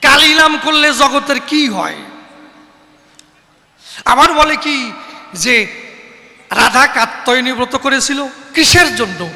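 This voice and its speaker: A man from West Bengal performs kobi gaan, a sung and declaimed folk debate poetry, chanting and calling out to the crowd in a sing-song style. His voice is extremely high, pushed and bright, delivered slowly with frequent pauses and a long reverb tail.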